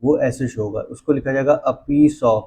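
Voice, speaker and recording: A man's voice: mid-range voice, moderate pace, mellow, slightly rough. A man teaching English grammar for exams, spelling words out letter by letter and repeating key terms as he checks in with his students. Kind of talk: classroom-style exam lesson.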